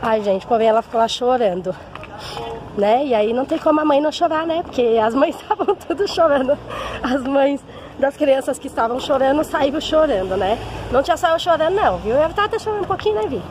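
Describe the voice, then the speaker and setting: Brief: woman, vlogging mother, slightly high voice, chatty and emotional, phone audio with clear background noise. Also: expressive, a little fast. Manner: chatty, emotional, often asks for agreement. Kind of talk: casual vlog chat to viewers. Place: home, then walking outdoors on a street.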